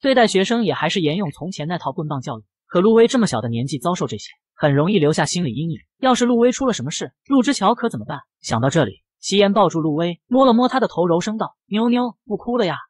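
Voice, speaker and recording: A man tells a comic story in quick, animated narration, his voice high and slightly breathy. The sound is dry, with the mic close. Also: no room sound. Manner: brisk storytelling. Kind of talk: scripted narration.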